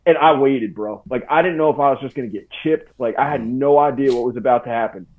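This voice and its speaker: On a tinny phone-like line, a podcast guest in his forties spins a casual story packed with "dude" and "bro." His voice is medium-pitched and quick-paced, with a laid-back, slangy manner.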